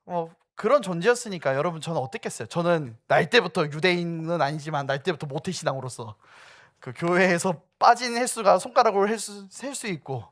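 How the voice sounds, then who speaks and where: A young man, a youth pastor, preaching a sermon that moves from storytelling to loud, urgent exhortation. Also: high voice, a little fast.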